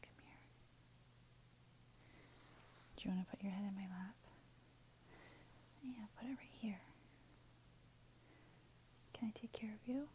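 A woman speaking in a soft, soothing unvoiced whisper in an ASMR roleplay, gentle and caring. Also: mid-range voice, normal speed, long pauses, slight background noise, poor audio.

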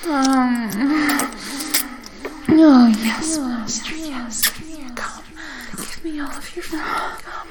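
A woman voicing a devoted, adoring tentacled female creature, speaking in slow, breathy whispers in an intimate audio roleplay. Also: sits high. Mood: eager urging. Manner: slow breathy whispering, calls listener master. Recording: steady background hiss.

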